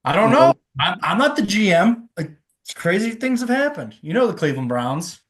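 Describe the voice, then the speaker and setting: A man's voice: high voice, very animated, normal speed, fairly bright tone, husky. A man co-hosting a sports podcast, rambling and laughing easily. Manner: laughs often, rambling, swears casually. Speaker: podcast co-host. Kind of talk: casual sports chat.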